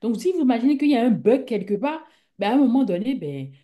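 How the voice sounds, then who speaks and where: A woman's voice: a little high, very animated, quick pace, dull audio. A woman from Africa, a guest speaker, talking conversationally in a rambling way full of fillers and repeated words, and acting out her own thoughts as little quoted speeches. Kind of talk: conversational talk.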